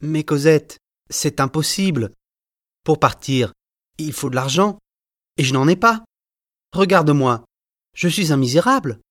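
A man's voice: fairly high pitch, expressive, a little slow, long pauses, a bit bright, dry recording, studio quality, voice pushed up. A man reading a classic novel aloud and voicing a passionate, proud young man with an earnest, heartfelt delivery. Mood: anguished.

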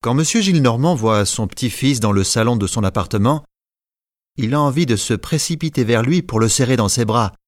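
A man narrating a simplified classic novel in a measured, clear storytelling manner. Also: medium pitch, lively intonation, dry recording, clean studio sound.

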